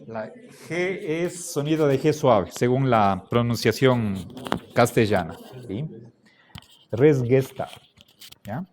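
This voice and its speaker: A man teaching a class, lecturing deliberately and checking in with his students again and again. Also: mid-range voice, expressive, darkish tone, a little hiss or hum. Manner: slow, deliberate, checks understanding with frequent "¿sí?".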